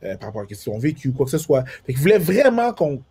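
A man's voice: on the high side, quick pace, creaky, breathy edge. A man with a Quebec French accent touched by Haitian Creole, chatting casually, repeating himself and restarting as he talks. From Quebec, Montreal area. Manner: repeats words and restarts often, animated; switches into English accents when telling stories. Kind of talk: casual conversation.

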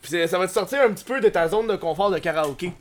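A Québécois man with a high-pitched voice hosts a loose comedic interview. He fires off playful, crude teasing questions in a relaxed, joking way. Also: quick pace. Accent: Québécois French. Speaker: podcast host.

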